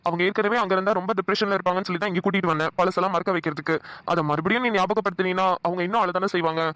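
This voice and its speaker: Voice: mid-range voice, fairly even intonation, racing, fairly bright tone, no room sound, close to an everyday voice. A voice actor playing a young cartoon husband who scolds his wife, then coaxes and teases her. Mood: pleading. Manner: scolding, then pleading and chuckling. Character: teasing young husband, bossy then coaxing. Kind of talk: Tamil cartoon dialogue.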